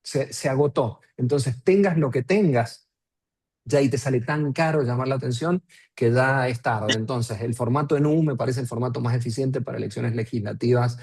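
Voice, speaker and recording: Male consultant, husky mid-range voice, explanatory, talking over a video call. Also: mid-range voice, moderate pace, darkish tone. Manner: explanatory, repeats words while thinking. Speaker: political consultant panelist. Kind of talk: webinar panel analysis.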